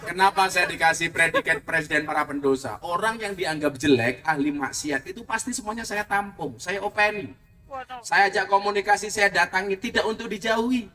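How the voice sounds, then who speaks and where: A man's voice: high-pitched, a little fast, bright, forceful tone. A man preaching a comic sermon, telling stories with playful jokes and asides. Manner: joking, storytelling, playful asides. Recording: distant mic with faint noise.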